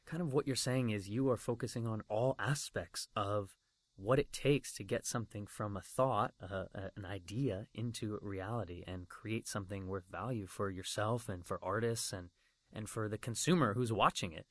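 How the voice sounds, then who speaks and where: A man's voice: fairly low pitch, normal speed, no room sound. A man hosting a casual interview podcast, laid-back and affirming, with easy slang. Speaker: podcast host.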